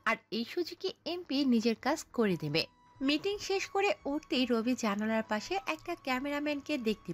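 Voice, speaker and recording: A woman narrating a scripted audio story, telling it in an expressive storytelling manner. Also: sits high.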